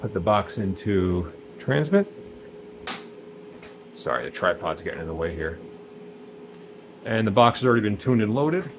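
Guy showing off gear in his workshop, lowish voice, easygoing, lots of ums, bit of hiss. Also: normal speed, pauses often. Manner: relaxed, plain-spoken, frequent ums. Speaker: amplifier builder demonstrating equipment. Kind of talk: casual equipment demo. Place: small workshop indoors.

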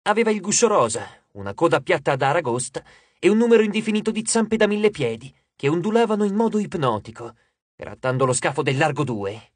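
A man narrating an audiobook in a lively, dramatic storytelling manner on a studio microphone. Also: fairly high pitch, fairly quick, no echo.

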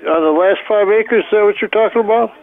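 A man answering a call over a landline phone, blunt and gruff, swearing casually. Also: sits high, fast. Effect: heard over a landline phone. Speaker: call recipient. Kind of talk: phone conversation. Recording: tinny phone line.

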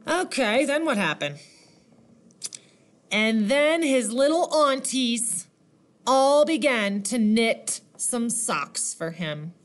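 A woman reading a picture book aloud to children like a teacher, animated, asking questions and counting along. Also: a little high, takes it slowly.

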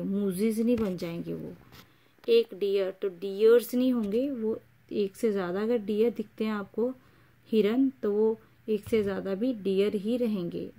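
A woman gives a slow, patient lesson. Her voice is mellow and a little dark, and she repeats each example before moving on. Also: medium pitch. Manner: patient, repeats each example, mixes English words into Hindi. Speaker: English teacher. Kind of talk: explaining English grammar in Hindi.

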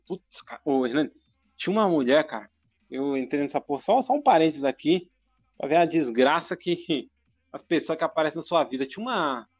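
A man telling a long personal story in a casual, animated and profane way, talking in short bursts. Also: on the high side. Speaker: podcast guest telling a story. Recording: dull lo-fi sound with faint music.

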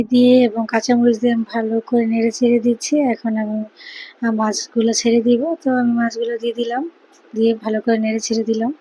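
Soft-spoken, husky Bangladeshi woman. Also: fairly high pitch, rough recording. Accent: Bangladeshi Bengali. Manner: speaks softly and quietly so as not to wake a sleeping child. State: tired after a sleepless night. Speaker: vlogger, mother cooking for her daughter. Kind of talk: casual cooking vlog voice-over.

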